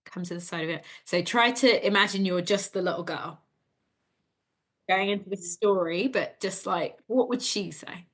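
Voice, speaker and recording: A woman practitioner leading a guided tapping session, giving calm, gentle instructions and phrases to repeat. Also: mid-range voice, moderate pace.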